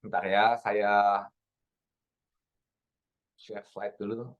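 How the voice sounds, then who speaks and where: A man's voice: lowish voice, flat delivery, extremely slow, muffled recording. A man, a trainer giving a webinar talk, engaging and often checking in with his audience. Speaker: speaker, NLP trainer. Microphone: video call.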